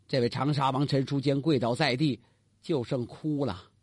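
A male storyteller, telling a traditional tale in a lively way, talking straight to the listener and asking and answering his own questions. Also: mid-range voice, normal speed, husky, no room sound.

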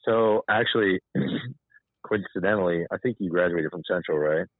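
A man in a casual podcast chat, talking in a measured, friendly way. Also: low-pitched, no room sound. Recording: dry tinny phone-like line.

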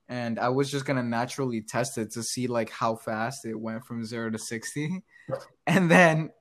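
A man's voice: mid-range voice, a bit bright. A young man hosting a casual podcast, telling a story with lots of fillers and restarts and frequent laughs. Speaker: podcast host. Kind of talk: casual chat.

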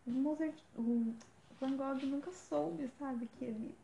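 A woman's voice: sits high, takes it slowly, vocal fry, roomy sound, background noise. Chatty young woman podcaster. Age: young adult. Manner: chatty, reads out facts. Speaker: podcast co-host. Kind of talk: casual chat.

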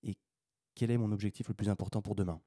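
Male podcast host, low dark voice, rambling buddy-style monologue, dry close sound. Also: quick pace, no echo. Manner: unscripted, rambling, addresses listener as a buddy, swears casually; animated rises when making a point. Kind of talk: casual solo podcast monologue.

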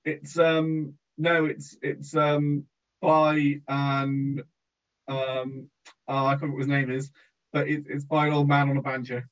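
A man's voice: on the high side, flat delivery, unhurried, lo-fi sound. A man co-hosting a podcast in casual chat, joking around and rambling with lots of ums. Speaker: podcast co-host.

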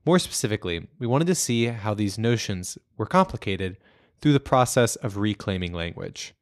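A young man hosts a student podcast in a measured, scripted read. His voice sits on the low side. The recording is close and dry, with no room sound around it. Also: animated, no room sound. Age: young adult. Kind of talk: scripted narration.

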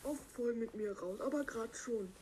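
A man voicing a dim-witted green male cactus creature, with his voice put through a voice changer, rambling and halting with many fillers. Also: very high voice, darkish tone, low-quality recording. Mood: goofy. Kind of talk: comic character monologue.

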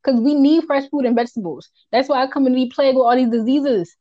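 A woman with a Charleston Gullah Geechee accent co-hosts a podcast, chatting casually and giving her opinions in an emphatic, colloquial, unfiltered way, often repeating herself for weight. Her voice sits high and she talks quickly; the recording is dry and muffled.

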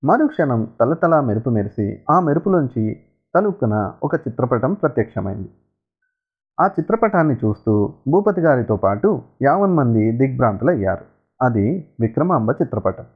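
A man narrating a story in a lively, dramatic storytelling manner. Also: medium pitch. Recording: tinny phone-like sound.

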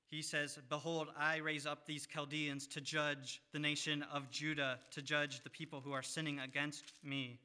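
A man preaching a sermon, reading scripture in a measured way with pauses. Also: a little high, level tone, bright, forceful tone, clear, resonant tone.

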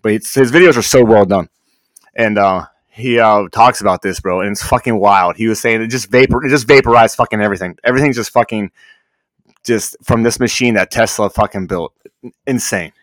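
A man's voice: lowish voice, brisk, dry recording. A man chatting casually on a podcast in slangy, heavily profane speech, calling the listener bro and dude.

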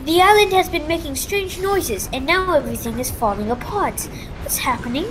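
Woman as excitable, scared small boy for audio drama: extremely high, animated pitch. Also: normal speed. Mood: alarmed. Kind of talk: theatrical audio drama acting. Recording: clear background ambient noise.

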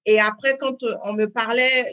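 A woman, talking as an interview guest in a hesitant way, with many fillers and repeats, then bursts of lively emphasis. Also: on the high side, normal speed. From Benin. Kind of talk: conversational interview.

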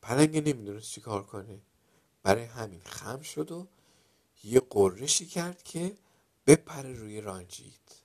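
A man narrating a children's story dramatically, dropping to a hush at some moments and getting loud at others. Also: medium pitch, animated. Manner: dramatic, loudness swinging from hushed to loud.

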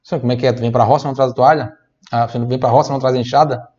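A man from Brazil teaching a language lesson, saying phrases slowly and then explaining them at a quicker pace. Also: mid-range voice, fairly even intonation, darkish tone, muffled recording.

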